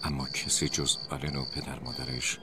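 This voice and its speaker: A man from Tajikistan narrating horror stories with a measured, dramatic delivery, in a noisy recording with crickets outside. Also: a bass voice, flat delivery, loud music behind the voice. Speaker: storyteller. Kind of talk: scripted horror story narration. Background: crickets chirping.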